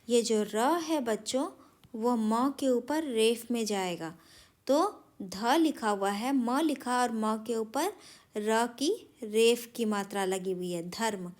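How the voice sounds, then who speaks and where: A woman teaching a Hindi grammar lesson to young children, patiently spelling out words and correcting sentences. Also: a little high. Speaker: primary school Hindi teacher. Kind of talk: recorded classroom lesson for children.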